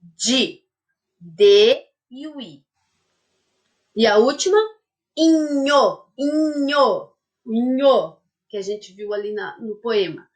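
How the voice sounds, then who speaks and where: A woman's voice: mid-range voice, slow pace, pauses often. A woman primary school teacher giving a lesson to young children. She talks patiently, checks in often with the class, and dictates a word syllable by syllable. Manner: uses many diminutives and checks in with "tá?".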